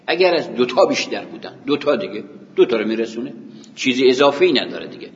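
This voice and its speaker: A man's voice: mid-range voice, big pitch swings. A man teaching a grammar class, explaining patiently and counting aloud, speaking to his students. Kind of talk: classroom lecture. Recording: dull recording with long hall reverb.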